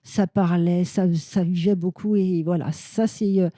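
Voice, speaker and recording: A woman's voice: on the low side, steady tone, a little slow, dark tone, dry recording, studio quality. A woman in her fifties from Normandy, a guest telling her story in casual conversation, hesitant with many fillers and restarts. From Normandy, France. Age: 50s.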